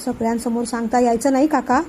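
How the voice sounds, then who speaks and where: A woman reading the part of a nervous young man who speaks hesitantly and softly. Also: fairly high pitch, fairly even intonation, quick pace, slight background noise, close to an everyday voice, poor audio. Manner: hesitant, soft.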